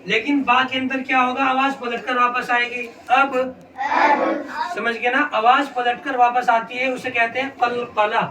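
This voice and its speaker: A man with a very high, level voice teaches children to read the Quran in a classroom, patiently and repeatedly asking questions and drilling letter sounds in call-and-response. He speaks unhurriedly. The recording is noisy and echoey from a distant mic, with a loud crowd of children's voices and room noise.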